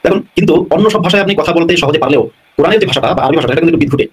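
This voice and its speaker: A man's voice: on the high side, a little hiss or hum. A man answering viewers' questions on a live online talk show, explaining at length and repeating his points. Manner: explanatory, talks fast, repeats phrases. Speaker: guest scholar answering questions.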